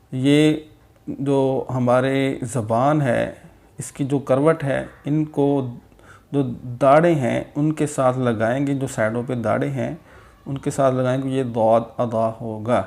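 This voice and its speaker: A man teaching Quran letters, slowly sounding out syllables and repeating them patiently in a lesson. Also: medium pitch, dark tone. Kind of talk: slow recitation lesson with drills.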